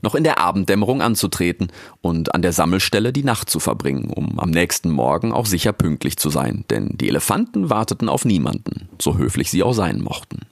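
A man reading a children's adventure story aloud in an expressive storytelling manner. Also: low voice, fairly quick, gravelly, dry recording, studio quality. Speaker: narrator. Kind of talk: audiobook narration.

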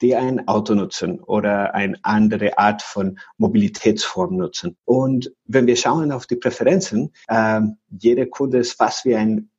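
Man from Venezuela, husky voice, dull lo-fi sound, halting with fillers. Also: fairly low pitch, steady tone, a little mellow. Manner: searching for words, many fillers and restarts. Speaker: futurist guest. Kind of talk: podcast interview.

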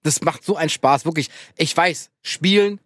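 A man co-hosting a radio show, cracking deadpan jokes and giving ironic one-word replies in casual banter. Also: a little high, moderate pace, no room sound.

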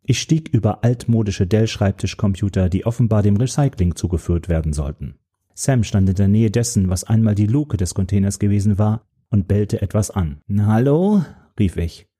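A man reading a story in calm, measured first-person narration. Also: lowish voice, breathy edge. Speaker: audiobook narrator.

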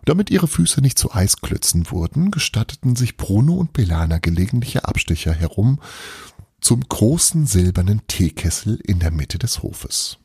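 Deep gravelly male storyteller. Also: normal speed, no echo, clean studio sound. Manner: expressive, lively storytelling. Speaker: storyteller and podcast host. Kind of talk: storybook narration.

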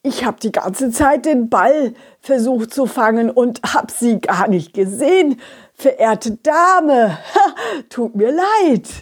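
Woman as a lonely male donkey, husky, lively in pitch, drawn-out sighs. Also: exaggerated voice. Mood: smitten. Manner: sighing and hesitant. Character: lonely, plodding male donkey hauling apples.

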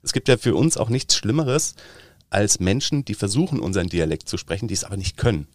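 Lower-voiced Bavarian man telling anecdotes. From Upper Bavaria, Germany. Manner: lively anecdotes, quick impressions of dialects, laughs often. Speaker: actor guest. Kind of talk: casual interview chat.

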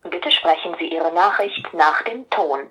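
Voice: mid-range voice, unhurried, slight background noise, poor audio. A recorded answering machine message played from a phone, spoken in a formal announcer manner. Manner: formal, even announcer delivery. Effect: voicemail greeting heard over a phone speaker. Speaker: automated mailbox announcement.

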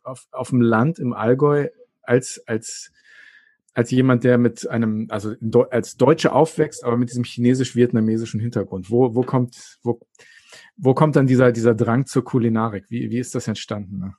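A man hosting a podcast, asking a long question in a halting way with repeated words. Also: medium pitch, fairly even intonation, mellow, no room sound, clean studio sound. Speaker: podcast host, interviewer. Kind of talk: interview question.

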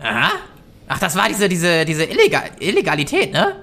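A mouthy little summoned raven, rattling along in bright, wildly animated tones. It is brash and colloquial, a cheeky familiar in a tabletop game. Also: female voice, lowish voice, brisk, creaky, slight background noise, heavily acted. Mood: grumbling. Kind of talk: tabletop role-play acting.

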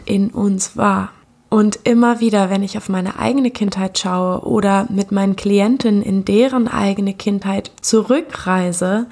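A woman's voice: medium pitch, vocal fry, a little mellow. A woman coach speaking in an earnest, reflective monologue, often repeating words for emphasis. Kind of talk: reflective monologue on self-worth.

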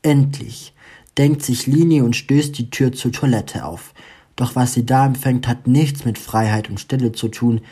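A man narrating a story with an expressive reading. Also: medium pitch, a little slow, husky.

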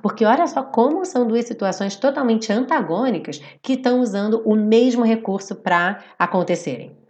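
A woman teaching English in a live online class. She explains grammar patiently, checks in with her viewers often, and reads song lyrics slowly and deliberately. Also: a little high, expressive, darkish tone, lo-fi sound. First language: Portuguese. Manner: explanatory, checks in with "certo?" and "tá bem?". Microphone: computer setup with phone beside.

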